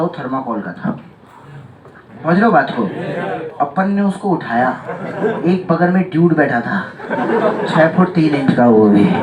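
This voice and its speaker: Male teacher, comic classroom storyteller; high, lively pitch; distant echoey hall, loud student crowd behind. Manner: animated, chuckles often, keeps asking if students follow. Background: students laughing and chiming in.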